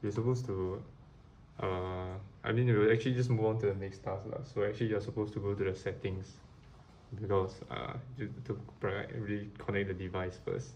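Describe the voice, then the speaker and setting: A man's voice: fairly low pitch, steady tone, moderate pace, darkish tone, lo-fi sound, slight background noise. A man moderating a usability test, reading out a briefing and task instructions.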